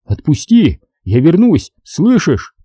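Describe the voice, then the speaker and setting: An earnest teenage volunteer soldier who tries hard to sound grown-up, voiced by a male audiobook reader. The voice is raised a little and keeps a husky, dark tone. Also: a little high, sing-song, a little fast, no echo, clean studio sound, voice pushed up. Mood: urgent. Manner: eager, trying to sound manly. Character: earnest teenage boy volunteer, brave and shy.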